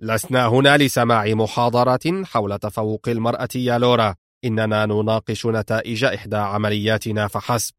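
A man's voice: fairly low pitch, moderate pace, no room sound, clean studio sound, natural voice. A man voicing a cold, commanding male spy mastermind, speaking sternly in an audiobook reading.

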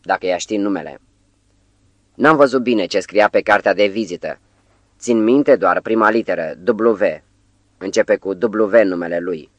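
A man reading the part of a frantic, hoarse young male poet who pleads urgently in an audiobook. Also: fairly low pitch, no echo, close to an everyday voice. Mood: dismayed.

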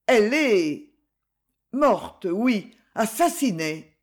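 Reader putting on a woman in her seventies, weary and grieving, audiobook role, flat sorrowful delivery. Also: medium pitch, extremely slow, pitched above the performer's own voice, heavily acted. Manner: tired, flat, quietly sorrowful. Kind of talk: audiobook character reading.

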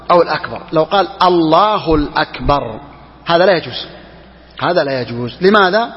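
A man teaching religious law as a sheikh, who talks quickly and repeats key phrases for emphasis. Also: high voice, long reverb tail, dull audio. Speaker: sheikh teaching Hanbali jurisprudence. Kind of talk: religious lesson explaining a text.

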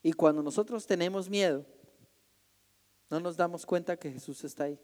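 A man preaching from the pulpit, his somewhat high but mellow voice ringing through a church with a long reverb tail. He is animated and expressive, and he briefly mimics panicked shouts as he tells the story. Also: moderate pace. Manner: animated preaching, acts out frightened cries. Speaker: pastor. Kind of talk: sermon.

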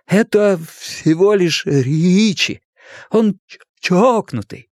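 An earnest boy who stutters and catches on his words, speaking a bit higher than a grown man, as a male reader puts him on. It is a storybook voice in a dry, close recording. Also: lively intonation, takes it slowly, a little mellow, no room sound.

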